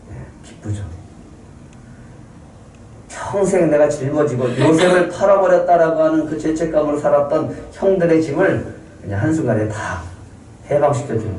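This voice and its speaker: Emphatic pastor in an echoey church. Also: male voice, medium pitch, dark tone, a little hiss or hum. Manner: emphatic, asks the congregation questions. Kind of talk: sermon. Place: church sanctuary. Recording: roomy hall from a distance.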